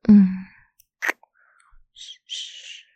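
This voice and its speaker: A young woman whispering softly and teasingly in an intimate audio roleplay, humming between lines, close to the mic. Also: extremely slow, no echo, dull audio. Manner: soft teasing whisper, murmured hums.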